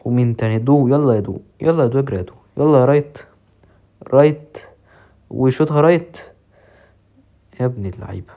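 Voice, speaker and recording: A man with an Egyptian accent commentating his own football game match with excited, joking play-by-play. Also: medium pitch, racing. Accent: Egyptian Arabic. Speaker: mobile football gamer.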